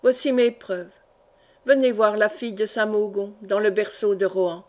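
A woman's voice: medium pitch, steady tone, normal speed, close to an everyday voice. A woman voicing a spiteful, scheming male steward with a sneering manner, close to her own voice.

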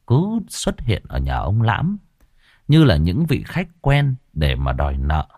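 Male storyteller, audiobook narration, low voice, lively expressive pitch, dry close recording. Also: no echo.

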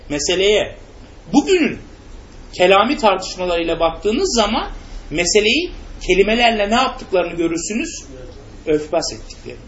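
A man's voice: high voice, fairly bright tone. A man teaching a religious lesson, often asking his students questions and then answering them himself. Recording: muffled recording with faint background noise.

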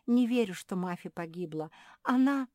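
A woman voicing the youngest girl pug, small, emotional and brave, with a high, shrill and urgent voice. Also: lively intonation, moderate pace, a little mellow, dry recording, studio quality, natural voice. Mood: desperate.

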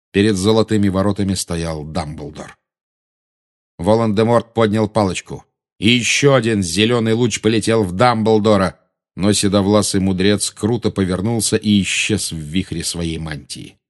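A man narrating an audiobook with an expressive, dramatic reading. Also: deep voice, moderate pace.

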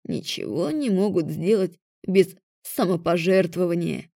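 A woman's voice: mid-range voice, fairly even intonation, a little slow, warm tone, no room sound, studio quality, close to an everyday voice. A woman voicing a weary, stern male dragon rector at a magic academy, who speaks in a tired, lecturing way.

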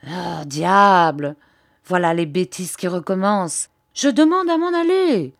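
A woman's voice: medium pitch, unhurried, dry recording, clean studio sound, natural voice. A woman reading aloud voices a mocking, joking male Parisian reporter in an audiobook. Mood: jaunty, alarmed. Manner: mocking, jaunty banter.

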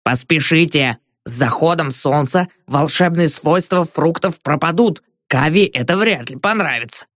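A man's voice: a little high, expressive, normal speed, hardly any pauses, fairly bright tone, no echo, clean studio sound. A male audiobook narrator voicing a cheeky, cunning old peasant woman trader. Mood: sly, insistent. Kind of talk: audiobook character voice.

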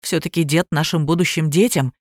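A woman's voice: low voice, fairly even intonation, fairly quick, darkish tone, no echo, clean studio sound. A woman voicing a young husband, easygoing and talkative, in an audiobook.

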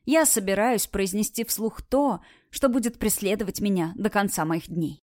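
A woman's voice: mid-range voice, moderate pace, darkish tone, no echo, clean studio sound. A woman reading a first-person story aloud in an earnest, intimate audiobook narration.

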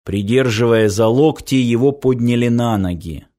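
A man narrating a dark action story in a measured, even scripted reading. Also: medium pitch. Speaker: audiobook narrator.

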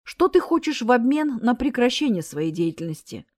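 Grumpy old skeleton death lady, gruff and clipped, lively swings in pitch, dry close sound, a woman reading her. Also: normal speed, no room sound. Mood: stern.

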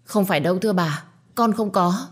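A woman's voice: mid-range voice, a little fast, breathy edge, voice pushed up, lightly acted. A woman voicing a timid, mistreated young servant woman in a storybook reading, meek and pleading.

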